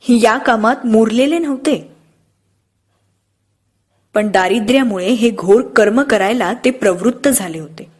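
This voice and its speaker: A woman reads an audiobook aloud in a slightly high, husky voice. She tells the story steadily, with expression. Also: darkish tone. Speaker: audiobook narrator. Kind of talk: audiobook narration.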